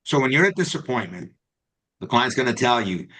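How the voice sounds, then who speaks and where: A man's voice: medium pitch, sing-song, brisk, a bit bright, breathy edge. A man coaching real estate agents in a live online class, talking straight to his students and often checking in with "right?" and "okay?". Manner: talks to the class, tags lines with right and okay.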